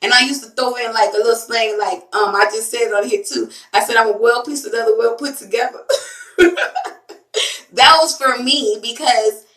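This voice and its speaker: A woman's voice: a little high, steady tone, fairly quick, hardly any pauses, pushed and bright, roomy sound, distant mic, rough recording. A woman hosting a spiritual tarot channel, talking casually and emphatically to her viewers, repeating phrases and using everyday slang.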